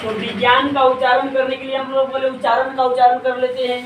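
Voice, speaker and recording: Male teacher in a roomy classroom, heard from a distance, asking questions and spelling words out slowly. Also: extremely high pitch, level tone. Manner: asks questions and has the class repeat. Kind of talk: classroom pronunciation drill. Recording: roomy, distant mic, faint hum.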